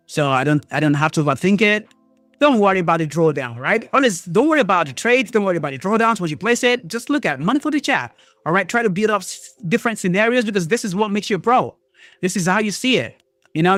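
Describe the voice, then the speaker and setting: A man hosts a live trading stream, excitedly addressing viewers while swearing and thinking out loud. He swings between loud outbursts and quiet mutters, with no room sound in the recording.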